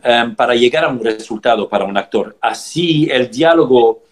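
In a medium-pitched voice, an actor answers interview questions thoughtfully and haltingly. He often pauses and starts his sentences over.

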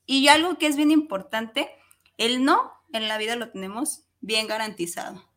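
A woman speaks in a reflective, explanatory manner. She keeps checking in with her listeners through rhetorical questions. Her voice sits a touch higher than average. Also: moderate pace, a bit bright. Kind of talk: casual chat.

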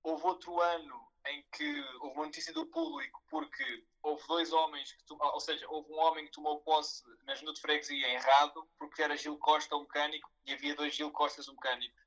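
A man's voice: fairly high pitch, a little fast, creaky, a bit bright, low-quality recording. A man with a European Portuguese accent chatting casually as a podcast guest, rambling in hesitant, mock-serious explanations. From a village near Leiria, Portugal. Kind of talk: casual chat.

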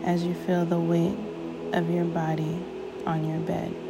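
A woman guides a sleep meditation like a sleep story narrator, soothing and unhurried, with long pauses between short phrases. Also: fairly low pitch, monotone, vocal fry. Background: music.

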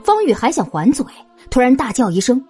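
A woman with a husky voice narrating a suspense audio drama in an expressive storytelling manner. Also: fairly high pitch, a little fast, soft background music.

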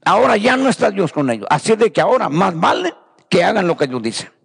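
A man's voice: sits high, sing-song, fast, creaky, breathy edge, long reverb tail. A man preaching a fervent sermon, repeating phrases and calling his listeners brothers. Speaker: pastor.

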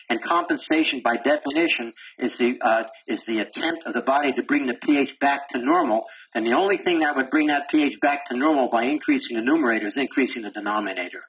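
A man giving a medical lecture who quizzes his class and answers himself, with blunt, wry humor. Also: mid-range voice. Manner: animated, asks the class questions and answers them himself. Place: lecture room. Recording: dull lo-fi lecture recording with faint hiss.

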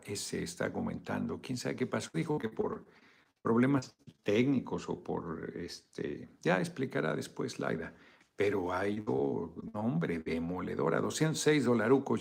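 A man's voice: lowish voice, vocal fry, breathy edge. A man with a Mexican accent hosting a casual live video chat, joking, swearing freely and thanking viewers for donations.

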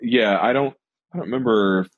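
Low-voiced man chatting on a podcast. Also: normal speed, dull audio. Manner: rambling, heavy with fillers. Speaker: podcast co-host. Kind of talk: casual film discussion.

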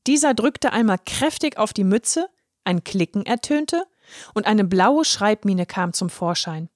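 A woman narrating a children's story in a gentle, expressive reading voice. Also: mid-range voice, a little slow, dry recording, clean studio sound.

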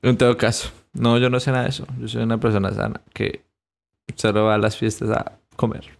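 A young man with a Colombian accent in a casual podcast chat, teasing his co-host with quick interjections. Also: fairly low pitch, flat delivery, creaky. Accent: Colombian Spanish.

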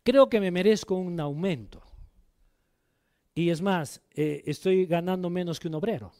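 A man preaching a sermon as pastor, telling a personal story and putting direct questions to the congregation, loud one moment and quiet the next. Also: a little slow. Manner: emotional storytelling, swings between loud exhortation and quiet low asides.

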